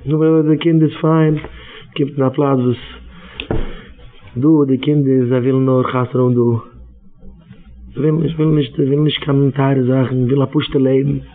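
A man's voice: medium pitch, little pitch movement, measured pace, long pauses. A man giving an informal religious talk, exhorting his listeners and repeating his phrases again and again. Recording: tinny phone-like radio recording.

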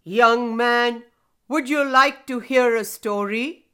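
A woman voicing an ancient, wise male stone spirit who tells stories, speaking slowly and loudly. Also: fairly high pitch, clean tone. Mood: solemn.

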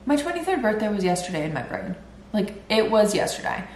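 A woman in her twenties hosts a casual solo podcast, chatting and rambling in a very animated, slightly fast, medium-pitched voice with a darkish tone. She sounds nasal and congested while recovering from illness, and the echoey room adds a little hiss or hum.

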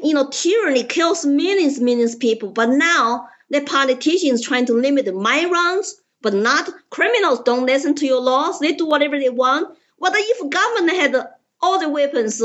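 Muffled, lo-fi audio carries a Chinese-accented woman from China recounting her story as an interview guest and political candidate. She speaks in a slightly high voice with simple grammar and short, direct sentences, pressing her points earnestly and forcefully.

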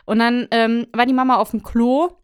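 A young woman in casual chat, telling anecdotes in a lively, colloquial way with frequent tag questions. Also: fairly high pitch, moderate pace, smooth. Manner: chatty, animated, colloquial, many tag questions.

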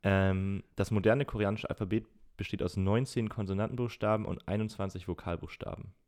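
A man's voice: lowish voice, fairly even intonation, a little fast, a little mellow. A young man in his twenties, co-hosting a podcast in casual chat, explaining things at length with many fillers. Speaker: podcast co-host.

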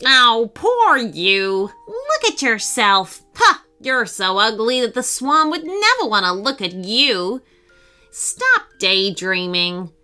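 A woman voicing a cruel male hippo who ridicules another, slow and loud. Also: fairly high pitch, big pitch swings, smooth, faint music behind, full character voice. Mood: jeering.

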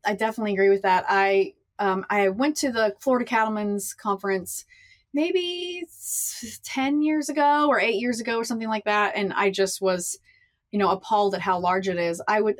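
A woman of ordinary pitch hosts a farming podcast. She chats easily, with plenty of fillers as she sets up questions. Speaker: podcast host. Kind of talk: conversational interview.

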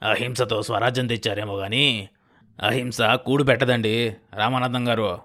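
A man's voice: mid-range voice, steady tone, moderate pace, pushed and bright. A man voicing a scheming, middle-aged male village president who scolds with contempt. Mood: contemptuous.

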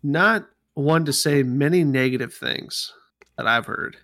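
A man's voice: mid-range voice, measured pace, a bit bright, no room sound, clean studio sound. A man co-hosting a podcast in a casual group chat, asking questions in an informal, conversational way. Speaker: podcast co-host.

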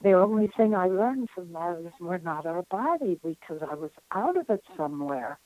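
A woman in her nineties, a spiritual counselor being interviewed, telling an experience in an earnest, reflective way with frequent pauses. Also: lowish voice, animated, no room sound, phone-quality sound. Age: 90s.

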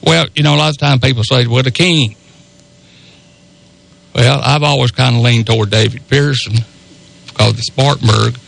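Gravelly man chatting on sports radio. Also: medium pitch, fairly even intonation, a little fast, fairly bright tone. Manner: rambling, folksy, repeats himself. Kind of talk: casual opinionated racing chat.

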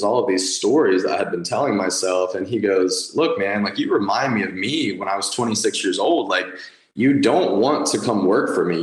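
Male guest, late 20s, enthusiastic chatty founder, lowish voice, echoey room. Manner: enthusiastic, many fillers and restarts. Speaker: guest, nutrition company founder. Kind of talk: conversational podcast interview.

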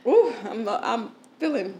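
A woman's voice: a little high, a little slow, noisy background. A woman co-hosting a casual podcast chat, giggly and a little tipsy. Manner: giggly, relaxed, a bit tipsy. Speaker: podcast co-host.

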